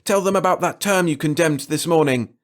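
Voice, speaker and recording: A man's voice: fairly high pitch, a little fast, voice pushed up, natural voice. A man voicing a taunting telepathic voice with an insistent, mocking manner. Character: mocking telepathic voice inside a man's head.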